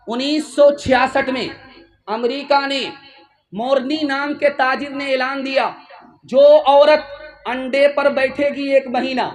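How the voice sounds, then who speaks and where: A man preaching a sermon as a mufti, pleading passionately with his audience. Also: very high-pitched. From India.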